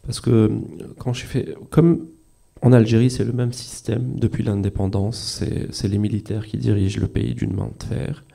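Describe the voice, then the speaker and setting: A man's voice: lowish voice, level tone, moderate pace, gravelly, mellow. A man from Algeria, a comics author, speaking earnestly and directly to an audience. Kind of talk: casual talk to an audience.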